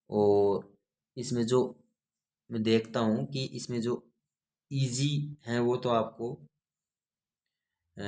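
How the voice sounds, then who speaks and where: A man's voice: mid-range voice, a little mellow. A man teaching a grammar lesson, spelling words out letter by letter and asking his students questions.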